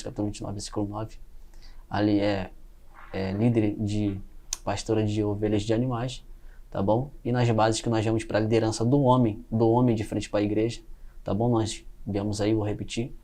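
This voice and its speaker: A man's voice: fairly low pitch, dark tone. A man speaking as a guest in an informal podcast debate, teaching and often adding short check questions.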